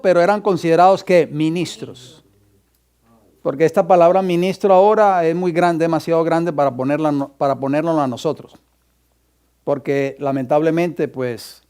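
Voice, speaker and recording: Man, pastor, church class lecture, high pitch, clean smooth tone, quizzes students. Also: darkish tone. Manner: quizzes the class and dictates scripture references.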